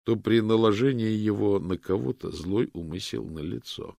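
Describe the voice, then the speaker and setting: A man's voice: on the low side, moderate pace, creaky, warm tone, dry recording, clean studio sound. A man voicing a male police detective who questions in a curt, cold, sarcastic way. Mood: cold questioning.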